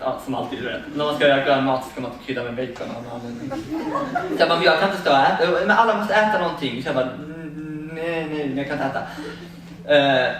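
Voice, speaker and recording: Chatty man in a booming echoey hall. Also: a bit bright. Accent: Swedish. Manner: chatty, laughing, acts out quoted exchanges. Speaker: vegan cookbook author giving a talk. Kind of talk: casual storytelling talk at a fair. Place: large echoey fair hall. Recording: very echoey hall, distant mic, audible noise.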